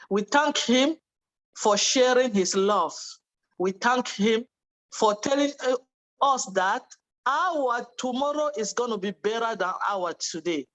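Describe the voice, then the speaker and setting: A woman's voice: a little high, a bit bright, rough recording. A woman from Cameroon speaking fervently on a video call, thanking and urging others to join. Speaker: webinar participant. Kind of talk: testimonial speech.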